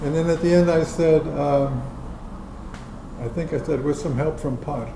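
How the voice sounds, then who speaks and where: Background noise and echo fill the indoor dinner setting as a public-access show producer rambles and chuckles through a story about his show. His voice is a little high and warm, at a moderate pace.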